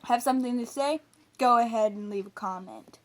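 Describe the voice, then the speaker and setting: A woman's voice: on the high side, normal speed. A young woman hosting a video in a casual, chatty vlog style. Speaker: video host.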